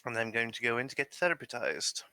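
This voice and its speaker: Creaky, bright-voiced man playing a game. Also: mid-range voice, brisk. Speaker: tabletop game player. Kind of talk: casual game-table chat.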